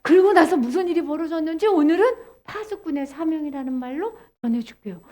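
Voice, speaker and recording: A woman delivers a children's sermon, acting out the story and quizzing the kids. Her voice is very high and lively, swooping up and down as she narrates. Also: fairly quick. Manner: animated, acts out voices and asks children questions.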